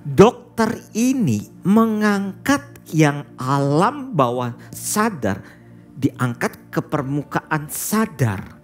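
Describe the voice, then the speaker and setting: A pastor delivers a sermon in a conversational, storytelling way, turning to his listeners again and again as he speaks. His voice rises and falls with lively intonation, and he slips English words into his talk. Faint music plays behind him. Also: on the high side, very slow. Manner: storytelling, often addresses listeners as "saudara"; mixes English words into speech.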